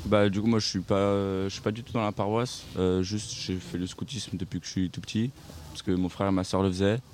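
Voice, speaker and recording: Teen boy guest, deep mellow voice, casual and informal, faint ambience. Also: brisk, a little hiss or hum. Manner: relaxed, informal youth speech. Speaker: young guest. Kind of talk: casual interview answers.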